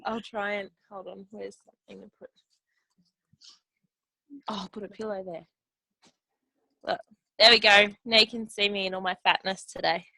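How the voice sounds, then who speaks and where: A woman's voice: medium pitch, flat delivery, moderate pace, creaky, pauses often, bright, forceful tone, dry recording, poor audio. A woman on a casual video call with a colleague, laughing and poking fun at herself. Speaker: team member on the call.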